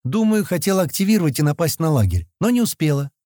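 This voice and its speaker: A man plays a sharp, decisive alien woman who leads colonists and gives orders without hesitation. Her voice sits raised and lively, swinging widely in pitch. The audiobook reading is dry and close. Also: fast, no room sound. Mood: firm. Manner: firm, commanding. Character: decisive clever female alien colonist leader.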